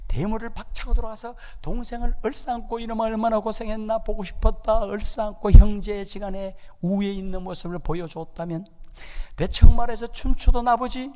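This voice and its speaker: A man's voice: sits high, darkish tone. A male pastor preaching a sermon, telling the story with dramatic acted dialogue. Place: church sanctuary. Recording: long church hall reverb.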